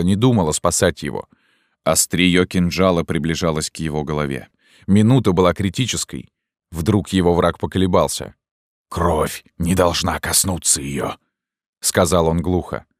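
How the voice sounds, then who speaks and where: A man reading a classic novel aloud as scripted audiobook narration, steady and measured. His voice is very deep, and the recording is close and dry, with no room sound. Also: dry recording.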